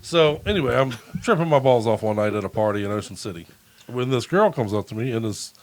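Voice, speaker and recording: A man's voice: mid-range voice, lively intonation, quick pace, low-quality recording. A man hosting a podcast, telling a long profane story in a rambling, laughing way. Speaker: podcast host. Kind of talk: casual storytelling.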